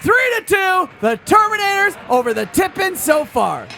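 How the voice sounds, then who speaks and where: A man calling an amateur hockey game play-by-play, energetic and excitable, often restarting his sentences. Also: very high voice, normal speed, creaky, soft background music. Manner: energetic, excitable calls with frequent filler restarts. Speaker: play-by-play commentator.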